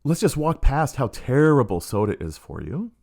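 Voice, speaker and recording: A middle-aged podcast host tells his story with a gravelly, darkish, mid-range voice that is very animated, at normal speed. He keeps it casual and sardonic, acting out the quotes.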